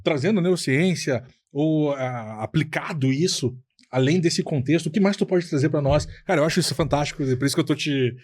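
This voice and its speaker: A male host leads a casual podcast interview. His voice sits a little above the usual male pitch. He asks questions in a loose, chatty way. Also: fairly quick. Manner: relaxed, chatty questions with fillers.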